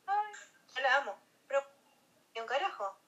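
A woman's voice: high voice, very animated, moderate pace, a bit bright, dull audio. A woman in casual chat as co-host, blunt and playfully crude.

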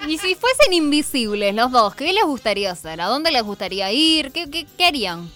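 A woman's voice: sits high, sing-song, fairly quick, sharp tone, faint music behind. A woman with an Argentine accent co-hosting a children's radio show, asking the kids playful questions. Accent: Argentine Spanish. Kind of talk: playful kids' radio chat.

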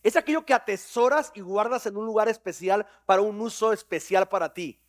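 A man preaching a sermon to his congregation, lively and jokey, quizzing people on verses. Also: high voice, fairly quick. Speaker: pastor. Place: church hall with congregation.

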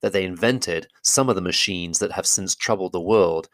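A man narrating a classic fantasy novel as an audiobook, with a steady, measured storytelling delivery. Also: low voice, no echo. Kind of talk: audiobook reading.

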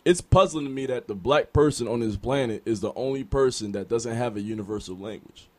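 A man's voice: medium pitch, fairly quick, darkish tone. A young man, a French speaker by birth, making earnest points in a casual podcast discussion. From United States, family from Cameroon. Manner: earnest, argumentative, often asks "you feel what I'm saying". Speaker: podcast panelist.

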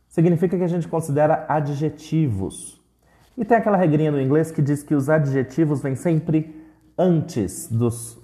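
A Brazilian Portuguese-speaking man teaching English, pronouncing English words slowly for learners to repeat and explaining quickly in Portuguese. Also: medium pitch, dark tone. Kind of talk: English lesson with repeat-after-me drills.

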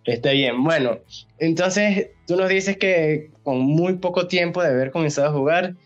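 A man co-hosts a podcast and asks the guest friendly, easygoing questions. His voice sits a little high and sounds slightly muffled, with faint music underneath. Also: normal speed. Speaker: podcast co-host. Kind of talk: casual podcast interviewing.

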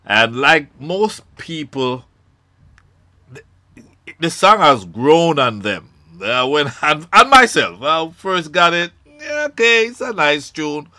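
A man hosts a radio show from a dry studio, his voice bright and lively, rising and falling as he chats. He is candid and laughs easily, keeping the talk loose and friendly. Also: on the high side, slow, dry recording. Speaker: radio host. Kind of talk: radio interview.

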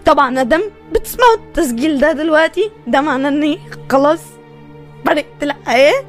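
A woman voicing a young Egyptian woman who stutters and speaks hesitantly and quietly in a recorded message. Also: high-pitched, lively intonation, fast talker, faint music behind. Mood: somber.

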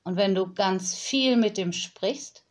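Storybook part: a woman reading a gentle nanny, patient and unhurried. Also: medium pitch, natural voice. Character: calm whimsical woman nanny.

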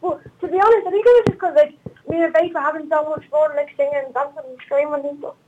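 A woman's voice: high voice, fairly even intonation, quick pace, darkish tone, lo-fi sound. A woman calling in to a radio show, chatting and giggling as she tells a story. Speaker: caller guest. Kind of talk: casual chat.

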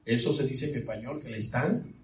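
A man preaching a sermon in a church, animated and calling on the congregation for answers. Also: mid-range voice, brisk, a little hiss or hum. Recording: echoey hall, mic far off.

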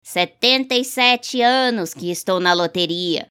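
A woman's voice: lowish voice, unhurried, bright, forceful tone, clear, resonant tone. Lady reading as a cranky old village guy complaining about young folks, petulant. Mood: curt. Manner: petulant grumbling. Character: grumpy old village man, petulant and stubborn.

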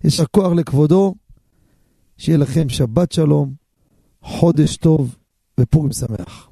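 A man's voice: on the high side, vocal fry, warm tone, slightly rough, no echo, studio quality. A man, a rabbi hosting a radio show, who preaches and answers callers with emphatic storytelling. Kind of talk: radio sermon and call-in answers.

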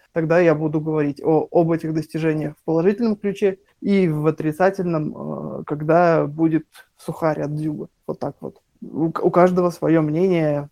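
A man giving a halting post-match football analysis, with many fillers and restarts. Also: fairly high pitch, creaky, warm tone, no room sound. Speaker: football pundit.

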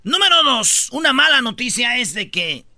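A man's voice: extremely high pitch, big pitch swings, moderate pace, sharp tone, no room sound. A man with a Mexican accent hosting a comedy radio show, bantering over news items in a slangy, jokey way.

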